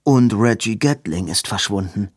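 A man's voice: on the low side, animated, breathy edge, no echo, studio quality. A man doing a bitter, hissing young man. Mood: urgent, bitter. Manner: tense, hissing, quick. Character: urgent, bitter young man asking for help.

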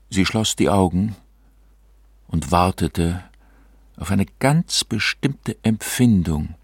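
A man narrating a story as a scripted audiobook reading, measured and expressive, close to the mic. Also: fairly low pitch, slightly rough, no room sound.

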